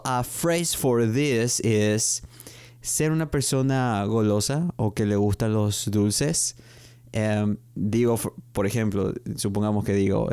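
Slow, dry-voiced man teaching English. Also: medium pitch, dark tone, smooth, no room sound. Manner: repeats phrases slowly for learners, switching to explain. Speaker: English teacher and podcast host. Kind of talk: language lesson.

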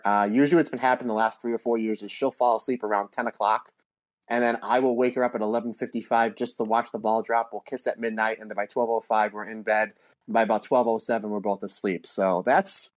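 A man talks casually as a podcast co-host in an average-pitched voice. He rambles through his points in a folksy, joking way. The recording is dry, without room sound. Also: no echo. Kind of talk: casual chat, anecdotes.

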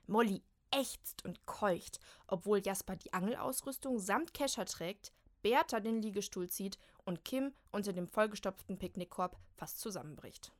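A woman narrating a children's storybook with a lively, expressive reading. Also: mid-range voice, moderate pace, few pauses.

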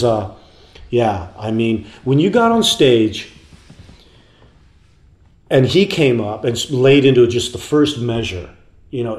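A man telling rambling, animated road stories as a guest in a casual interview. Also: mid-range voice. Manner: animated anecdotes with put-on voices, loose and rambling. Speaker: guest musician. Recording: roomy echo.

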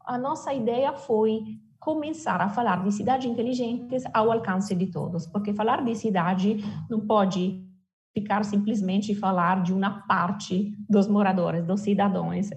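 A woman's voice: mid-range voice, fairly even intonation, unhurried, a little mellow, highs cut off. A woman from Italy with an Italian accent in her Portuguese, explaining her views conversationally and emphatically as an interview guest, often posing questions and answering them herself.

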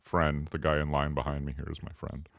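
Pushy, halting customer, played by a man: extremely low voice, close dry sound, improv comedy. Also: completely flat delivery, gravelly, dry recording. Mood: halting, awkward. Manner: halting, then bossy. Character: pushy male customer minding his shy gamer friend.

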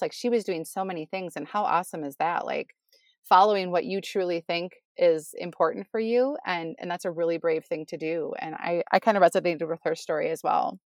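Co-host type, a nurse, chatty woman recording inside a closet, dead dry sound, lowish voice. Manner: chatty, relaxed, many "like" fillers. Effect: muffled closet sound, dry with no room echo. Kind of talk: casual chat between friends.

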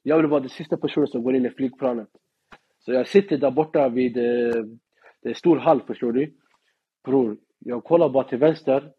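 Slangy, animated young Swedish man. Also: medium pitch, husky, phone-quality sound. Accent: Swedish suburban street slang. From Sweden. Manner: animated, slangy, mimics people in English. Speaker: guest storyteller. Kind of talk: casual chat, anecdote telling.

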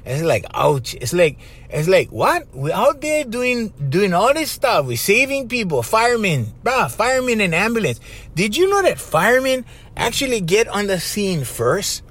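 Animated Hawaiian Pidgin-accented man, higher-pitched. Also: moderate pace. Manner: conversational, often checking in with "right?" and "okay?". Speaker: life coach and vlogger. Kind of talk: informal motivational talk to viewers.

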